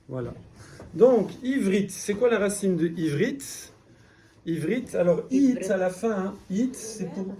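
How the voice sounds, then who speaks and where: A man's high-pitched, mellow voice comes through with a little hiss or hum as he teaches a beginner Hebrew class in French. Patient in his explanations, he repeats key words and checks his students' understanding with "d'accord?" It is a classroom lesson.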